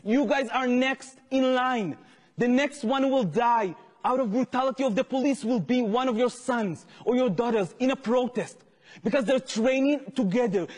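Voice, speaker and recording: An Israeli-accented man delivers a public lecture with a fairly high voice for a man. His voice rings out with a long hall reverb. He tells his story earnestly and presses his point with growing passion. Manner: earnest storytelling turning impassioned. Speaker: activist lecturer.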